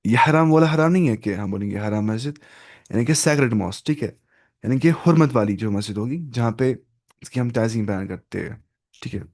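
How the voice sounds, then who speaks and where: A man teaching an online Arabic lesson in with English words mixed in, reading Arabic phrases slowly and then explaining them. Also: mid-range voice, animated, a little mellow.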